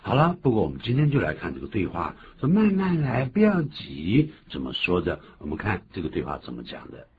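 A man co-hosting a bilingual radio English lesson, explaining phrases in a lively way and acting out short quotes. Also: deep voice, fast, few pauses. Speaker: English teacher co-host. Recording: phone-like lo-fi with faint hiss.

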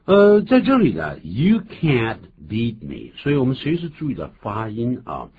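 A man's voice: medium pitch, wildly swooping pitch, a little slow. A man hosting a bilingual radio language lesson, explaining pronunciation in an emphatic, teacherly way. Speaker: radio English lesson host. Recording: tinny phone-like band, faint noise.

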